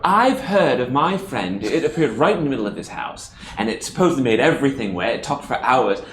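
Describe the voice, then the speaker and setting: A man's voice: medium pitch, animated, fairly quick, fairly bright tone, reverberant, slight background noise, lightly acted. Man playing a theatrical, wonderstruck adventurer, swooping voice. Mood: awed delight. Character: wonderstruck adventurer rhapsodizing over a babbling brook. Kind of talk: tabletop role-play.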